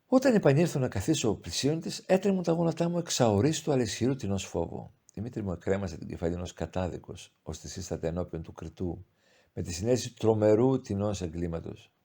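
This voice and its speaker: Male audiobook narrator, mellow and dark-toned, measured expressive storytelling. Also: on the low side, gravelly, breathy edge. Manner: measured, expressive reading of formal old-style prose. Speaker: audiobook reader. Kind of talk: scripted literary narration.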